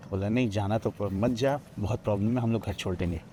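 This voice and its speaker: A man's voice: on the low side, fairly quick, warm tone, a little hiss or hum. Man from Odisha telling a ghost story. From Odisha, India. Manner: narrates with many quoted lines of dialogue, frequent restarts. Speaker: podcast guest. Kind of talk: retelling a personal ghost story. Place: outdoors at a riverside ghat.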